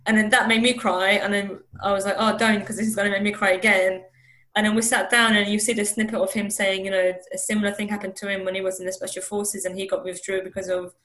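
A woman being interviewed tells a personal story in a loose, rambling, casual way. Her voice is mid-range and fairly bright, and she acts out what people said, using "I was like" to voice the quotes.

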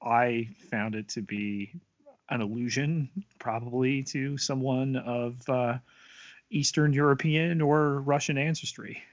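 Guy slowly walking through an episode recap, kinda dull lo-fi sound, dry jokes here and there. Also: medium pitch, steady tone. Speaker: podcast co-host. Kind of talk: recapping an episode in casual chat.

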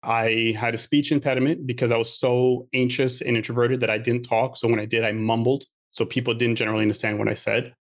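A middle-aged man from Queens, New York, whose first language is French, tells his story as a guest on a casual podcast interview. He's chatty and jokey, speaking fast with hardly any pauses in a level, mid-range voice.

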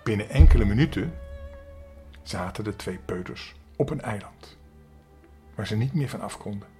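An older man telling a storybook tale to young children, gentle and expressive, speaking to them directly. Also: fairly low pitch, moderate pace, faint music behind.

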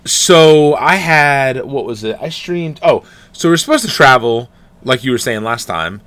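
A young man co-hosting a casual podcast, joking around in an animated way. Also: mid-range voice, normal speed, dry recording. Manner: animated, jokey, puts on silly voices for his dog. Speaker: streamer and podcast co-host. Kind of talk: casual chat.

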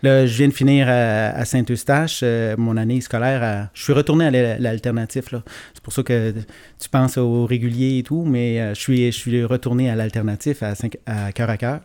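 This is a middle-aged man with a Québécois French accent, chatting easily as a guest. He tells his stories with lively energy and a frequent chuckle, at a medium pitch. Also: normal speed, smooth. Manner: lively storyteller, chuckles often. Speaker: guest, schoolteacher. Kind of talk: casual podcast conversation.

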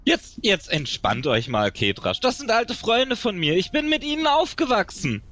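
A man voicing an excitable, jovial male forest-dweller who fires off eager questions. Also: high-pitched, moderate pace, full character voice. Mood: placating.

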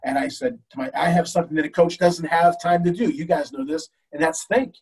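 Husky-voiced older man telling coaching stories. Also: on the high side, fairly quick, distant mic, rough recording. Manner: emotional, animated storytelling with many restarts. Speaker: baseball coach. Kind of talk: storytelling in a talk show.

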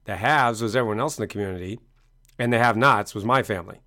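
A man's voice: fairly low pitch, quick pace, pushed and bright. A middle-aged American man telling his story as an interview guest, emphatic and fond of repeating phrases like a motivational speaker. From Maine, United States. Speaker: guest, success coach and author.

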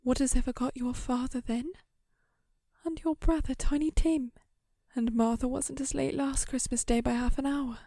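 A woman playing a poor, motherly but sharp-tongued mother of a large family in a dramatized story. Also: high-pitched, steady tone, moderate pace, dry recording, studio quality.

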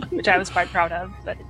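A woman's voice: on the low side, fairly bright tone, low-quality recording. A woman improvising casually as a tabletop game player, hesitant and often correcting herself. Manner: hesitant, halting, self-correcting. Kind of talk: casual improvised role-play. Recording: faint music behind.

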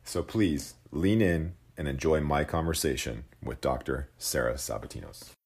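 A man's voice: very deep voice, moderate pace, gravelly. A man hosting a podcast, asking questions in a friendly, upbeat way. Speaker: podcast host. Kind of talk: interview hosting.

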